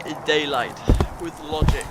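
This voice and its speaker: Over clearly noisy ambience, a man acts out a high-voiced male time traveller from an audio drama. He is witty and whimsical. He reassures with breezy, wry logic and a theatrical turn of phrase. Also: fairly even intonation, unhurried, natural voice. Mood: wry, logical. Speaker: amateur audio drama actor. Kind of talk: fan audio drama acting.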